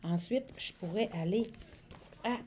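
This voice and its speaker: A woman's voice: medium pitch, unhurried, darkish tone, a little hiss or hum. A woman, an educational support worker giving a demonstration lesson on reading aloud to young children, stretching words as if speaking to them.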